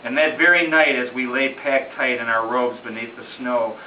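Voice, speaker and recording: A man with a mid-range voice recites a narrative ballad at normal speed, dramatic and rhythmic, leaning into emphatic phrasing as an amateur storyteller. He is in a room in a home during a gathering, captured on a distant, muffled, roomy recording with faint noise.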